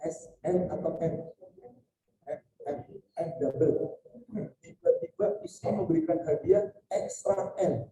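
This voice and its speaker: A male preacher gives a humorous sermon and keeps putting questions to his audience. His voice is very dark and mellow. It carries through an echoey event hall from a mic set well away from him. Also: on the high side, slow pace, pauses often, recorded from a distance. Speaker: Islamic preacher. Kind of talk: sermon on marriage at a celebration.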